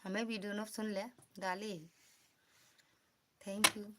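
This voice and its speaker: A woman's voice: mid-range voice, flat delivery, slow. A woman with an Awadhi accent hosting a casual live stream, greeting viewers by name and asking them to support each other. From Uttar Pradesh, India. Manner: chatty, greets commenters by name, calls for support and returns.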